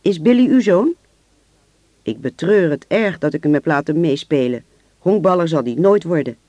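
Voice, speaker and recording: A man voicing a gruff, irritated male store manager and coach who talks curtly and dismissively. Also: a little high, lively intonation, normal speed, dark tone, no echo, muffled recording. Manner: curt, dismissive, blunt.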